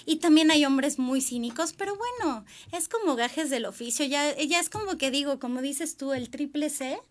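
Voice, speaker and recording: A woman's voice: sits high, animated, moderate pace. A young woman, hosting a casual panel chat in a playful, chatty way. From Mexico. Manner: chatty and playful, many fillers. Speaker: host.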